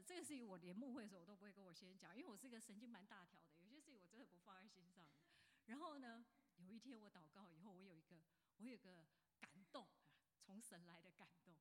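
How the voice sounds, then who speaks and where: A woman in her fifties, a pastor giving a chatty sermon that often asks the congregation questions. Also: medium pitch. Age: 50s. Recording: long hall reverb.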